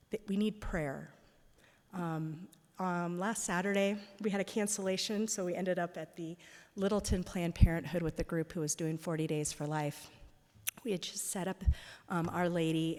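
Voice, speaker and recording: A woman gives a casual talk in a church and tells her stories with plenty of "like" and "um." Her voice sits fairly low, and a long reverb from the big hall trails after each phrase. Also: steady tone, normal speed, a little mellow. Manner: chatty, with many "like" and "um" fillers. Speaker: guest speaker at a parish.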